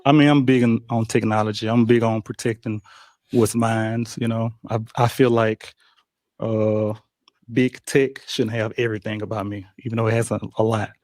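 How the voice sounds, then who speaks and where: A man answering questions as a dating show contestant, halting and restarting often. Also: fairly low pitch, little pitch movement, a little mellow, no room sound. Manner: halting, many fillers and restarts.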